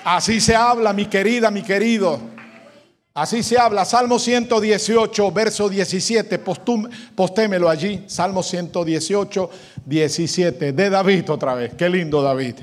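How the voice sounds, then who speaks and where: A man preaching a sermon as pastor, leading shouted call-and-response lines and then telling a story. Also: sits high, normal speed.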